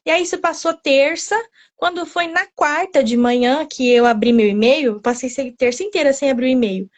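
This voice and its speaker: A young woman in her twenties talks through her story as an interview guest. Her voice sits high. She speaks casually and with animation, often checking in with the listener. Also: normal speed. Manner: chatty, animated, tells the story with quoted self-talk and frequent "né?".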